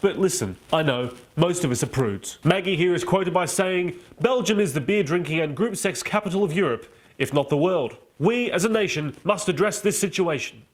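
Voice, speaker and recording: A man delivers a satirical comedy monologue with a teasing, mocking edge. His voice sits a little higher than most men's. He drops playful asides between the jokes. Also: expressive, moderate pace. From Australia. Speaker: comedy show host.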